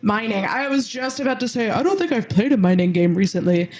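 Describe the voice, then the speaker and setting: A woman's voice: on the high side, expressive, brisk, darkish tone, highs cut off. A woman co-hosting a board game podcast, chatting casually and laughing along with the group. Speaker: podcast co-host. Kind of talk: casual chat.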